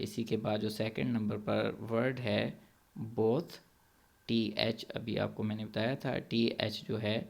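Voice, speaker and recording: A man teaching English pronunciation to children in an online class, saying words slowly and repeating them for the pupils to echo. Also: fairly low pitch, creaky.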